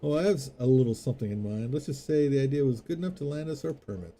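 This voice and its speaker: A man reading the lines of a small, brisk young woman in a game, chirpy and businesslike. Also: mid-range voice, lively intonation, warm tone.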